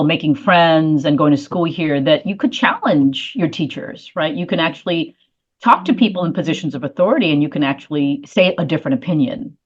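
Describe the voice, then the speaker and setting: Low-voiced woman, thoughtful interview guest. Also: highs cut off. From South Korea. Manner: thoughtful, many fillers and restarts. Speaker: guest, leadership consultant. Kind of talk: conversational interview answers.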